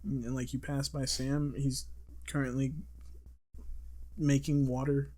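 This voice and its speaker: A man's voice: mid-range voice, level tone, a little slow, warm tone. Rambling man game master. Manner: rambling, many restarts and "like". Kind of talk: casual improvised game narration.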